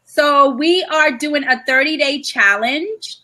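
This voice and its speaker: A woman with a high, bright voice co-hosts a casual live video chat over a call. She talks in quick bursts with plenty of restarts and keeps things moving around connection trouble. She is from New York. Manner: chatty, restarts often, coping with connection trouble.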